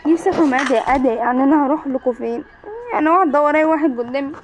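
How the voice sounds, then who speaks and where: Excitable Egyptian woman gaming. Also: sits high, racing, noisy background. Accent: Egyptian Arabic. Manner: excitable, talks to the game and to viewers. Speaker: gaming YouTuber. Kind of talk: horror game commentary. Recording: music playing behind the voice.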